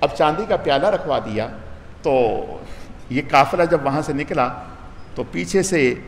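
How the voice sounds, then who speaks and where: Male religious scholar, animated sermon storytelling, slightly high voice, reverberant hall. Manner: storytelling with voiced dialogue, rising and falling emphasis. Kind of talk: Quran commentary sermon. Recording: hall with long reverb, faint noise.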